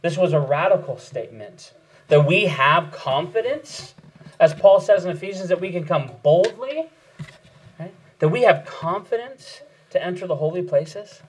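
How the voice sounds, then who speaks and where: A man's voice: sits high, expressive, moderate pace, husky, rough recording. A man preaching a sermon earnestly, asking rhetorical questions and repeating key phrases for emphasis. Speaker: pastor.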